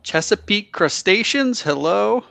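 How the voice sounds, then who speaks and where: A man's voice: sits high, lively intonation, measured pace, vocal fry, a bit bright, dry recording. A man chatting casually as co-host of a live stream, greeting viewers and talking with his partner.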